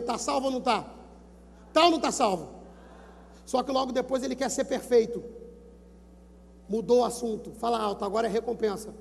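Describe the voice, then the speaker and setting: A high-voiced, creaky male Brazilian pastor booms through a handheld microphone at a youth event sermon, emphatically repeating numbers and urging the crowd to shout. The large gymnasium gives it a long reverb.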